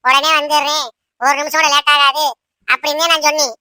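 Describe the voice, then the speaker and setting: A woman's voice: high-pitched, level tone, fairly quick, bright, forceful tone, no room sound. A woman voicing a put-upon young daughter-in-law in a cartoon, pleading and grumbling under her breath. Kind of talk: cartoon voice acting.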